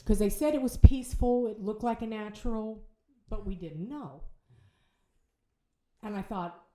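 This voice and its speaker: A middle-aged woman, telling a personal story as a podcast guest in a halting way, with restarts and repeated words. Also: mid-range voice, dark tone. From Ohio, United States. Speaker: bereaved mother, podcast guest. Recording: roomy echo.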